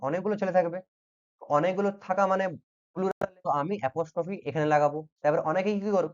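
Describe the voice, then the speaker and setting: A man's voice: a little high, lo-fi sound. A man teaching grammar in an online lesson, patiently repeating each point and checking that the students follow. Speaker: exam-prep English teacher.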